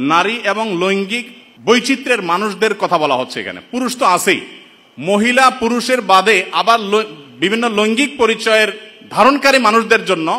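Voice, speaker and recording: A Bangladeshi man preaches with indignant rhetorical questions, his voice high and bright with a sharp edge. He keeps calling out to his listeners as brothers, and a long reverberation trails each phrase as if in a big hall. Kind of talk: impassioned sermon-style commentary.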